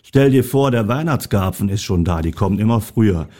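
A man voicing a cold, gleeful husband in a storybook reading, in a low voice. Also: expressive, brisk, mellow, natural voice.

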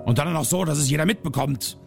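A man's voice: on the high side, fast talker, gravelly. A man voicing a ranting misanthropic alter ego. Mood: ranting scornful. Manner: sneering, ranting, mocking. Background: soft piano music.

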